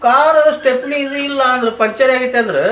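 A man's voice: extremely high pitch, fast talker, very noisy. A man playing a cheeky village servant who keeps talking back. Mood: argumentative. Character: dressed-up male servant, cheeky and argumentative. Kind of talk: rustic comedy skit. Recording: roomy sound from a distant mic.

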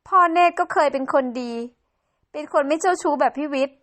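A woman's voice: high voice, a little fast, a bit bright. Woman playing a sad, sweet young daughter. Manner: tearful, sweet.

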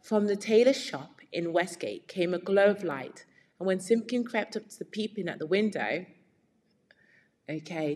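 Teacher lady doing a kids' read-along, explains words slowly, lowish voice, long echo. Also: a little mellow. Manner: patient, explaining words step by step. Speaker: English teacher. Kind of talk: children's read-aloud with vocabulary explanations.

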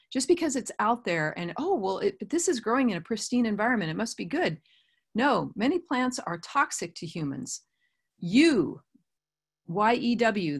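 A middle-aged woman presenting a gardening webinar over a video call, explaining in a friendly way with casual asides. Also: medium pitch. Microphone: webcam on a video call.

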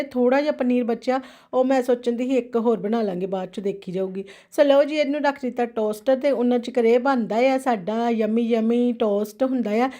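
A woman's voice: on the high side, warm tone. A woman with a Punjabi accent chatting casually for a home vlog, chirpy and exclaiming, dropping English phrases into her talk. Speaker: daily vlogger.

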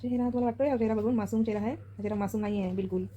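A woman's voice: fairly high pitch, fairly even intonation, racing, warm tone, dull audio, slight background noise. A woman chatting casually and teasingly at home for her vlog, laughing often. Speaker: vlogger. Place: home indoors.

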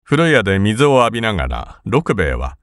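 Male audiobook narrator; low, animated delivery; dry studio read. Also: dry recording. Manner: measured, expressive storytelling. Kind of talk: scripted literary narration.

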